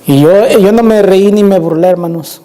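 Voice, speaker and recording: A man's voice: high voice, normal speed, dark tone. A man preaching a sermon in a church, telling a personal testimony with fervor and repeatedly calling out to the congregation as brothers. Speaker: pastor. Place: church sanctuary. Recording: long reverb of a church hall.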